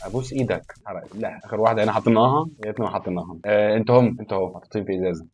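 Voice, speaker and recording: A man's voice: on the low side, racing, a little mellow, breathy edge. A young man with an Egyptian Arabic accent commentating his own gameplay, exasperated and pleading with the game, swearing often. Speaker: gaming YouTuber.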